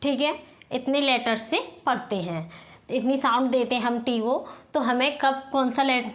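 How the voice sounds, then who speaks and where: A woman's voice: sits high, measured pace. A woman teaching English pronunciation with a Hindi accent, patiently explaining rules and repeating questions to the class.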